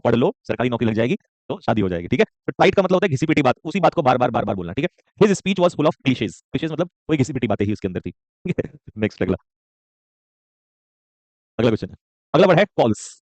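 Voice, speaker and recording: A man teaching a live online vocabulary class, joking and rapid, often checking in with students and calling them son. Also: mid-range voice, no room sound. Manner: joking, rapid, keeps asking "okay?"; addresses students warmly as son.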